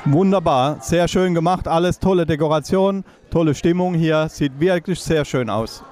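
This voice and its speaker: Forties male guest, eager praising tone, higher pitch, crowd noise around. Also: normal speed. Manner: enthusiastic, praising. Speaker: party guest. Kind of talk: casual interview answers. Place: restaurant New Year's Eve party. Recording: loud music and crowd.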